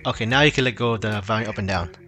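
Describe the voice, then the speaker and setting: This tutorial host's voice is lowish, pushed, and bright, and he talks rapid-fire while casually guiding viewers through a phone repair on a screen recording. Faint music sits behind his loose, rambling delivery, full of restarts.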